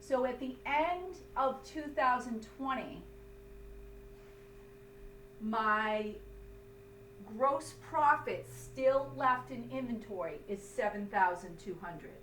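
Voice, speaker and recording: A woman's fairly bright, higher-side voice guides students through an accounting lesson in careful steps. She teaches emphatically and didactically, often checking understanding, and the distant-mic recording is roomy with a faint hum.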